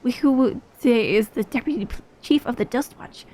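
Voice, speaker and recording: A woman reading a calm scheming companion. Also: on the high side, slight background noise, close to an everyday voice. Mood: planning. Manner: measured, explaining.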